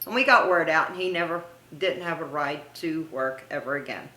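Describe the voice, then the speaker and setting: A woman's voice: sits low, moderate pace, sharp tone, reverberant, low-quality recording. A middle-aged woman being interviewed as a guest, reminiscing casually and gushing with praise, laughing often. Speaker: interview guest, theme park haunt performer.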